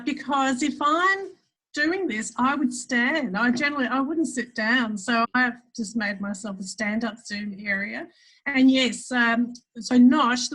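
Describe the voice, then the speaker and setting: A woman's voice: on the high side, a bit bright, low-quality recording. An Australian woman leading an online workshop over a video call, chatty and often restarting her sentences while explaining. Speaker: webinar facilitator. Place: home office, standing.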